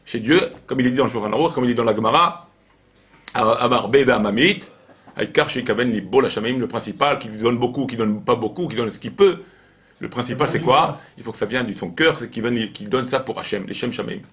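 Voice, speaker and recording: Man, rabbi, informal Torah lesson, animated storytelling, repeats phrases. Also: mid-range voice, brisk.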